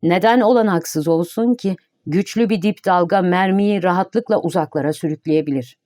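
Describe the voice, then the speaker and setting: A woman's voice: fairly low pitch, moderate pace, dark tone, no echo, studio quality, natural voice. A woman reading the lines of an earnest, worried man on a rescue ship in a storybook. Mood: doubtful.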